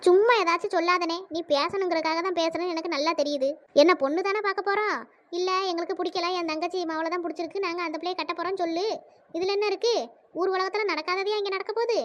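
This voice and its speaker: High squeaky cartoon auntie, fast scolding, dull lo-fi sound. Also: steady tone, fairly bright tone. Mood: indignant. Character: indignant middle-aged village woman, the sister. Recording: dull lo-fi audio.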